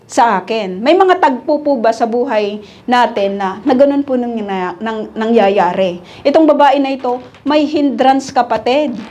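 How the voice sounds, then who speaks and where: Woman preacher with a high voice, chatty sermon. She checks in with her listeners and acts out people's pleas. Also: measured pace, warm tone. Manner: conversational, keeps asking "di ba?", mixes in English; acts out prayers and pleas in quoted voices, laughs between points.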